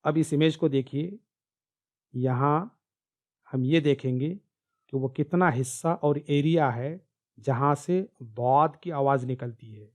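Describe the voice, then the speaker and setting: Calm man teaching Quran pronunciation. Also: medium pitch. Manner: slow, careful, repeats key sounds. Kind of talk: explaining slides in a recorded lesson.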